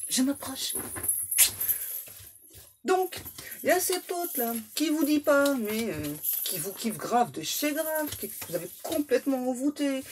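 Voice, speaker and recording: A woman giving a casual tarot reading in a somewhat high voice, chatty and playful. She drops slang and jokes with her guides as she goes. A faint hiss sits under her voice. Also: a little mellow. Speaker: tarot medium.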